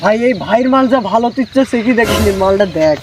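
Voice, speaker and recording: A man playing an excitable, agitated drunkard in an amateur comedy skit, repeating himself to his buddies. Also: high-pitched, rapid-fire, heavy background noise. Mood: craving.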